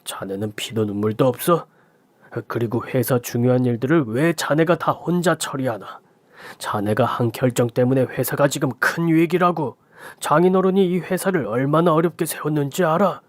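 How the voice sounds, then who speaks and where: A man's voice: medium pitch, normal speed, dry recording, close to an everyday voice. A narrator voicing an older family friend who sternly lectures a younger man. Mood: reproachful. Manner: lecturing, reproachful.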